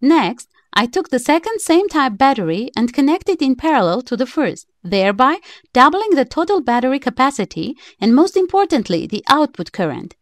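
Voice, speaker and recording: A woman's voice: high voice, sing-song, moderate pace, no echo. A woman reading a prepared script as the voice-over narrator of a DIY electronics tutorial, in plain, slightly stiff phrasing.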